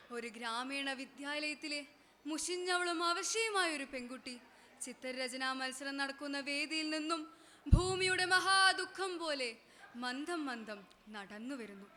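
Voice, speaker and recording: A woman's voice: high voice, pushed and bright. A woman performing a story on a school stage in the kathaprasangam style, declaiming dramatically and breaking into sung verses. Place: school stage at an annual day event.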